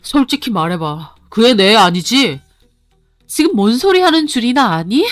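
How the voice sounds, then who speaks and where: A woman voicing an angry, suspicious young husband in a radio story, speaking in a lowered, cold, accusing tone. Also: very animated, moderate pace, dry recording, soft background music. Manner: cold, accusing, low-voiced.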